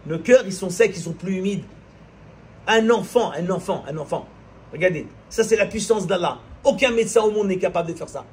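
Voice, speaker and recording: A man delivers an impassioned sermon in a high voice. He hammers his points home through repetition and rhetorical questions, acting out short scenes along the way. A faint noise sits behind the recording. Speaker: preacher.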